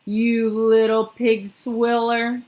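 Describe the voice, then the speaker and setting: A woman voicing a huge, greedy, brutish male giant who talks in a slow, booming growl. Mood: roaring, furious.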